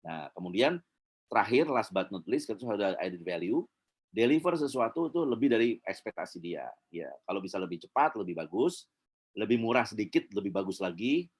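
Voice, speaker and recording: Middle-aged male sales trainer, low-pitched, casual lecturing delivery. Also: big pitch swings, fairly quick, breathy edge. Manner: chatty, many fillers, acts out customer quotes.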